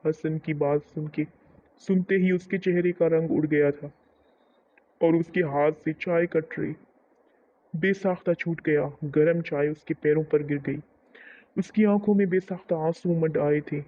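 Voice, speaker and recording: Male narrator for a novel channel: calm, steady storytelling, fairly high voice, muffled lo-fi audio. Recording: muffled lo-fi recording.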